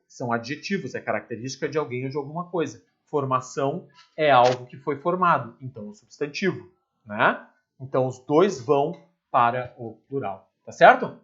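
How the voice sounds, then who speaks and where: Chatty teacher explaining grammar. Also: male voice, medium pitch, pushed and bright, muffled recording. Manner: chatty, with rhetorical questions and asides. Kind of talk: recorded grammar lesson.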